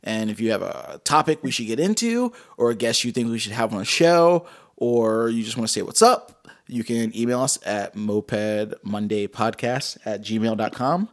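A man's voice: mid-range voice, lively intonation, moderate pace. A man hosting a podcast in casual chat, talking in a laid-back frat-bro way full of slang. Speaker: podcast host.

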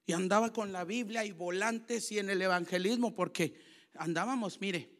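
An older woman preaching a sermon, emotional, swinging from soft murmurs to loud shouts. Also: mid-range voice, normal speed.

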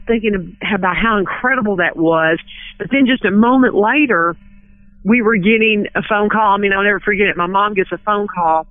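A woman in her fifties from West Kentucky, a guest calling in who recalls a personal memory earnestly, with halting restarts. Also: medium pitch, no room sound. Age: 50s. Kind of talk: emotional personal recollection on the phone. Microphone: telephone. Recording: tinny phone line.

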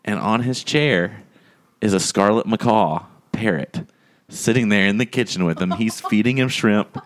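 A man's voice: lowish voice, normal speed. A man hosting a podcast, telling a long anecdote in casual chat and acting out the people in it. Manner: animated storyteller, acts out quoted voices. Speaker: podcast host.

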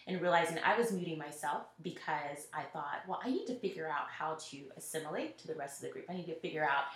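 A woman from Nashville, Tennessee, a school network executive, answers interview questions earnestly and reflectively, often quoting what others told her. Her voice is deep and a bit bright, and she talks fast and with animation. The recording has a roomy echo.

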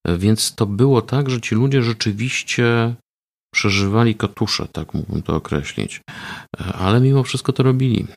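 A man being interviewed about research he ran, explaining in a measured way with frequent hesitation fillers. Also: on the low side, vocal fry. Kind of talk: conversational interview.

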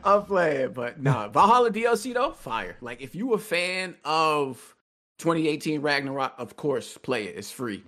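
Lively, teasing male co-host. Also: on the high side, normal speed. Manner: playful trash talk, slangy, teasing. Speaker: podcast co-host. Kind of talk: casual gaming podcast chat.

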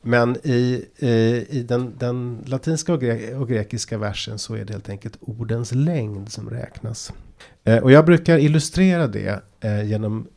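A man's voice: medium pitch, vocal fry, a little mellow. Hesitant man explaining poetry. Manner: hesitant, many fillers and restarts, explains patiently. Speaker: podcast host. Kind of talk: casual discussion of poetry.

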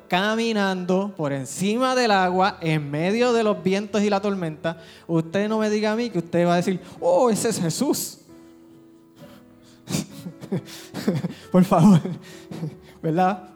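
A man preaching a sermon, his voice sitting a little high for a man as he keeps pressing rhetorical questions on the congregation. The sound carries a long reverb from a large church hall. Soft instrumental music plays faintly underneath. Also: unhurried. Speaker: pastor.

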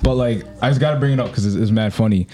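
A man's voice: lowish voice, fast, over a noisy crowd. A man in his thirties co-hosting a podcast in casual, slangy conversation, repeating phrases for emphasis. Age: 30s. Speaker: podcast co-host. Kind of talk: casual chat.

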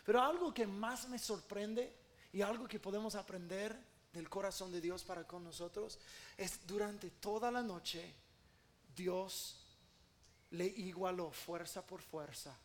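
A man preaching a sermon with passion, acting out quoted prayers in loud bursts. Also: high-pitched, measured pace.

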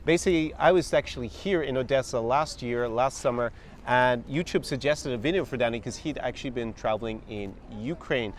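A man with an eager, upbeat delivery hosts a casual interview outdoors in a city. Faint traffic hums behind him, and his voice sits at an ordinary middle pitch. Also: brisk. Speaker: podcast host.

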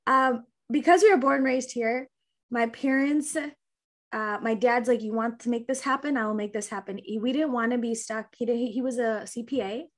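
A bubbly, effusive woman from the Chicago area tells her story as a podcast guest. Her voice sits a touch higher than most, and she gushes and piles up likes as she goes. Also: normal speed. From Chicago area, United States. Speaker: guest, family physician. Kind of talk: podcast interview.

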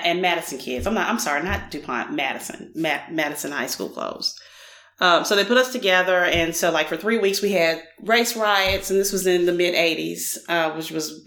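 Appearing as a podcast guest, this middle-aged Nashville, Tennessee woman speaks candidly and casually, reflecting thoughtfully while using frequent fillers. She has a deep voice with a fairly bright tone, heard in a roomy, echoing space.

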